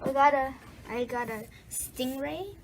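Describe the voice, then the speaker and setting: High-pitched lady slowly chatting thru bath toys for kids, goofy bloop noises, bit of faint noise behind. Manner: playful, makes bloop and quack sounds. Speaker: toy video host. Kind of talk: casual toy play narration for kids.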